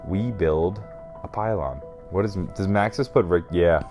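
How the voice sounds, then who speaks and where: With soft music playing behind him, a heavily drunk host burps his way through a comic, rambling recap of a video game plot. He's emphatic and foul-mouthed and keeps losing the thread and correcting himself, and his low voice is a little slow and a bit mellow.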